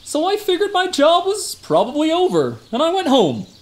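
A man voices a boastful, evasive security guard—a fibbing male cousin with tough-guy airs—in a comic radio drama, speaking folksy slang and exaggerating freely. The mood is earnest and indignant. His very high voice swings wildly in pitch at a moderate pace, heavily acted.

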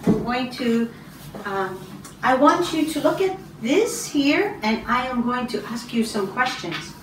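A middle-aged woman from Canada, an English teacher giving a speaking test, slow and encouraging with many ums and throat clears. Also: a little high, big pitch swings, noisy background. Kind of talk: slow, patient test interview. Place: small classroom office, indoors. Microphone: far camera. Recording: roomy, distant camera sound.

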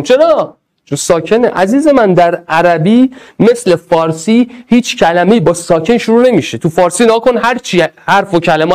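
A male teacher gives an energetic Arabic grammar lesson, talking straight to his students. His voice sits high and leaps widely in pitch as he plays with the class and urges them along. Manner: animated, playful, addresses students directly.

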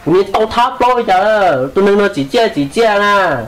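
A woman acting in an amateur drama, speaking in a halting, repetitive way. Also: mid-range voice, expressive, lightly acted, poor audio.

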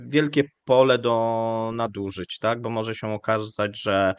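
Measured hesitant man, dry sound. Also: medium pitch, a bit bright, clean tone, dry recording. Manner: measured, hesitant with frequent fillers. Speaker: show host. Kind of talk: live economic commentary.

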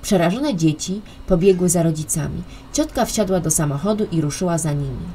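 A woman narrating a children's audiobook in a calm, expressive way. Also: lowish voice, a little fast, slight background noise. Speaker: storyteller.

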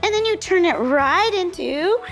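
Young woman coach, bright and encouraging; high voice that bounces up and down. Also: animated, measured pace, faint music behind. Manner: upbeat, encouraging. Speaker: gymnastics coach. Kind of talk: coaching children on a kids' show.

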